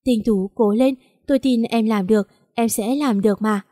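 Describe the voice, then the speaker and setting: A stern young boss man who gives urgent orders in a storybook audio drama, with a woman reading his lines. The voice sits a little high and sounds dry and close. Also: moderate pace, warm tone, no room sound, natural voice. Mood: tender. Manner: commanding, urgent.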